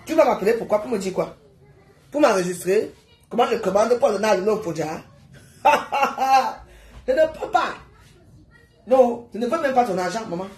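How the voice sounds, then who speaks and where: A woman, hosting a heated live stream and scolding her viewers with rapid rhetorical questions. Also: fairly high pitch, animated, a little mellow, echoey room.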